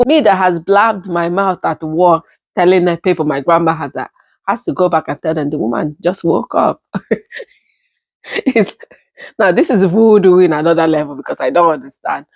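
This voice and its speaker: A young woman vlogger, telling a family story in a casual, animated way, acting out the people she quotes. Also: lowish voice, normal speed, creaky, dry recording. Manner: animated retelling with quoted voices and laughs.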